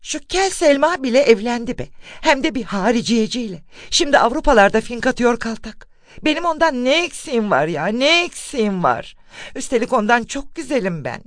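A man's voice: extremely high pitch, very animated, normal speed, fairly bright tone, dry recording, clean studio sound, voice pushed up, exaggerated voice. A man voicing a bitter, lonely unmarried woman who scornfully resents her married friends, in an audiobook reading. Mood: resentful.

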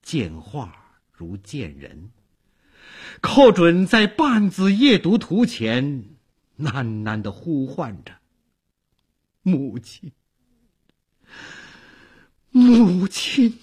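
A man's voice: on the high side, wildly swooping pitch, takes it slowly, breathy edge. A man narrating a historical tale in a traditional oral storytelling style, with dramatic, emotive delivery.

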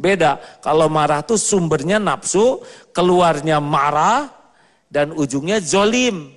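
A man's voice: a little high, expressive, slow pace. A man preaching a sermon to a live audience, asking them rhetorical questions as he goes. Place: large hall with an audience. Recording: long hall reverb.

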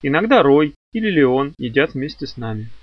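A man's voice: medium pitch, big pitch swings, normal speed, no room sound, lo-fi sound. A man reading the lines of an evasive, worried young secretary in hesitant, guarded replies. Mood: matter-of-fact.

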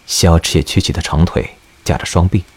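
A man narrating an audio drama in an expressive storytelling manner. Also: deep voice, a little fast, slightly rough.

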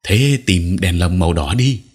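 Man voicing a steady, terse boy, low and husky, unhurried. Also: heavily acted. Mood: calm. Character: calm, terse schoolboy guiding a friend.

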